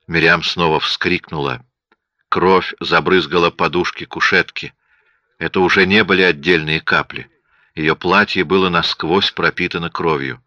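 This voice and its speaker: A man reading a story as an audiobook narrator, in a steady even delivery, on dull lo-fi audio. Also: low-pitched, moderate pace, no room sound. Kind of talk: scripted narration.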